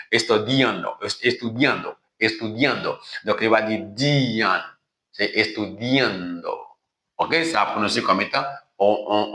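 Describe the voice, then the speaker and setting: A man giving an online language lesson as its teacher. He repeats words slowly again and again and keeps checking in with a quick "ok?". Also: mid-range voice, sharp tone, reverberant.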